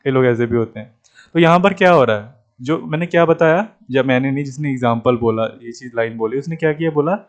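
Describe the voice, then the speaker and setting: A man's voice: mid-range voice, quick pace. A man from Punjab teaching an English grammar lesson in a chatty, playful way, repeating the key points. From Punjab, India.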